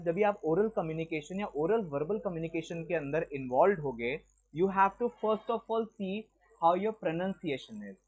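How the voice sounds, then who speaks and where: Male teacher, raised pitch, quizzes the room in mixed Hindi and English, muffled lo-fi classroom recording. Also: darkish tone. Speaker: lecturer. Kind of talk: classroom lecture. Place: classroom with a board.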